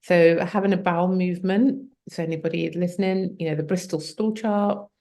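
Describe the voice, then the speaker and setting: A woman, a health coach as guest, explaining at length in a relaxed conversational way with many fillers. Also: on the low side, normal speed. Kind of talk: conversational interview.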